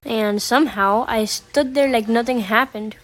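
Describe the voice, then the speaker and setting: A young woman narrates funny childhood mishaps in a slightly high voice. She is animated and self-mocking, and she acts out the quoted lines as she goes. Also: a little slow. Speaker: storytelling animator. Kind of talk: comedic storytime narration.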